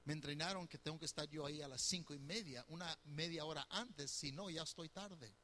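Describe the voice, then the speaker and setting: High, very bright male pastor preaching. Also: brisk, slight background noise. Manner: conversational, teasing, asks the congregation questions. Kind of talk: sermon on marriage.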